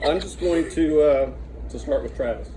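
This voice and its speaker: A middle-aged man giving an informal father of the bride speech, halting and conversational, with a joking delivery. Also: a little high. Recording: noisy room with loud audience chatter and laughter.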